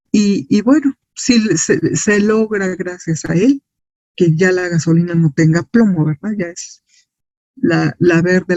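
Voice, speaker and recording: A man's voice: high-pitched, dark tone. A man with a Mexican accent lecturing as a science teacher, explaining didactically with rhetorical questions and checks for agreement. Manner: didactic, asks and answers own questions, often seeks agreement with tag questions. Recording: dull, lo-fi, dry sound.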